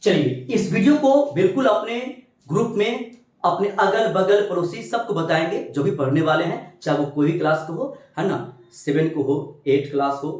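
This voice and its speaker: A man teaching English grammar in an animated classroom-style lesson, drilling with repeated questions and answers and sometimes shouting for emphasis. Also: sits high, moderate pace, distant mic. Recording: very echoey, from off-mic.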